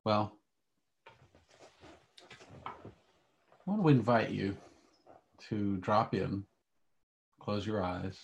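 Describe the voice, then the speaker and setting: A man teaching meditation, leading a calm grounding exercise in short, hushed phrases with long pauses. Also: fairly low pitch, vocal fry, highs cut off.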